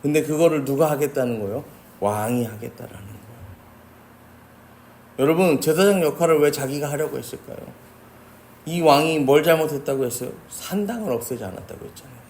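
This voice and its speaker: 진지하게 설교하는 남성 목사. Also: male voice, on the high side, darkish tone, a little hiss or hum. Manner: earnest, addresses the congregation often. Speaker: pastor. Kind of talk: sermon. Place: church sanctuary.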